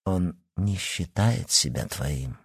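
A man's voice: deep voice, slow, gravelly, slightly rough, dry recording, clean studio sound, exaggerated voice. A man voicing a bold teenage girl who answers firmly and scornfully in an audiobook. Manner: firm, scornful, even. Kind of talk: audiobook character reading.

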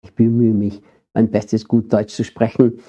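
A man's voice: lowish voice, flat delivery, unhurried, dark tone. A middle-aged man with an Austrian accent preaching a sermon, earnestly addressing his congregation. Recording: dull lo-fi sermon recording.

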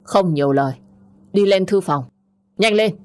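A woman voicing a hoarse, furious old grandfather. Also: on the low side, expressive, fairly quick. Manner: scolding, barking orders. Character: stern elderly grandfather, hoarse and quick-tempered.

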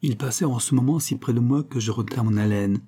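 A man narrating a classic novel as an audiobook in a measured, steady storytelling manner. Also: mid-range voice, slightly rough. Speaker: audiobook reader.

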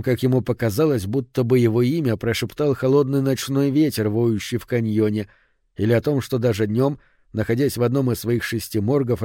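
A man narrating an audiobook in an even, measured reading voice. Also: mid-range voice, no echo, studio quality. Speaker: audiobook reader.

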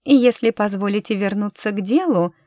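A woman's voice: medium pitch, a little fast, mellow, no echo, studio quality, voice pushed up, natural voice. A woman voicing a sly, bold young woman commander in an audiobook, pushy and mocking.

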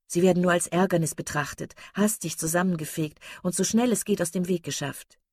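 A woman's voice: big pitch swings, normal speed, darkish tone, breathy edge, no echo, studio quality, exaggerated voice. A woman reading an audiobook voices a passionate, dreamy young woman who gushes and exclaims. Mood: rapturous. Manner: gushing, exclamatory, rising high. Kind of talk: audiobook character voice.

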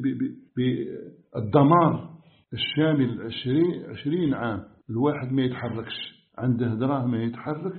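A man with an Algerian Arabic accent gives a religious lesson. He tells a story, voices the people in it, and then turns to forceful preaching. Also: medium pitch. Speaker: sheikh teaching a religious lesson. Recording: tinny phone-like lecture recording in an echoey room.

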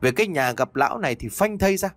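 A man putting on a shrill, bullying village woman. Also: expressive, fast talker, a bit bright, no echo. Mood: angry, scolding. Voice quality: shrill, harsh scolding.

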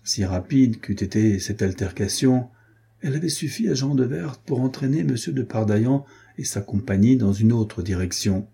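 A man narrating a classic adventure novel in a measured, even reading voice. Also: medium pitch, creaky, slightly rough. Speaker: audiobook narrator.

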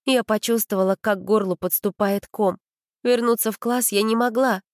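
A woman narrating a children's story in the first person, with expressive storytelling. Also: medium pitch, normal speed, dry recording, studio quality. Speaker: audiobook reader.

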